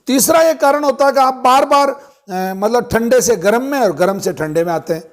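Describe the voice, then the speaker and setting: A man giving an informal Ayurvedic health talk, explaining step by step with frequent pauses and fillers. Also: very high-pitched, lively intonation. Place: ashram.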